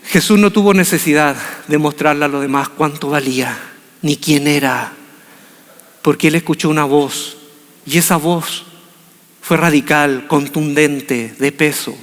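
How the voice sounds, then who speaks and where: A man preaching a sermon, telling the story in an animated, humorous way. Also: a little high, a little slow. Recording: long reverb of a large hall.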